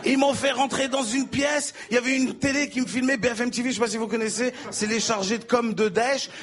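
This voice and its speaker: A man's voice: very high-pitched, a little fast, faint music behind. A man performing a stand-up comedy set, telling stories and mimicking voices. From Ivory Coast. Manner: animated storytelling, mimicking voices. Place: stage before a live audience. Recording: live set with audience noise.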